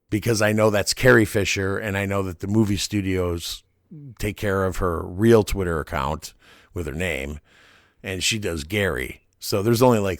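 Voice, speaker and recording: Lowish-voiced guy rambling on explaining stuff, dead dry sound. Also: no room sound. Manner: chatty, explains at length. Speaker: podcast co-host. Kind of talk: casual chat.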